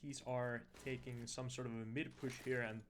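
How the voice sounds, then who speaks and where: A man giving casual, somewhat halting esports commentary over a video game match. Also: medium pitch, flat delivery, background noise. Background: in-game audio bleeding through.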